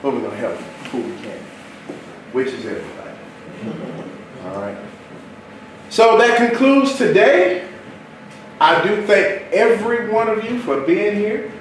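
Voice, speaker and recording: A man giving an animated, repetitive motivational sales talk to a seminar audience. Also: high voice, a little slow, pauses often. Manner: animated, repetitive, preacher-like rhythm. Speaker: seminar speaker. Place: event hall with live audience. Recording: echoey hall, far from mic, noisy room.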